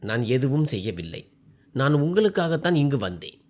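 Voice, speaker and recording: A man's voice: mid-range voice, big pitch swings, moderate pace, darkish tone. A man reading as a tearful, pleading young village wife.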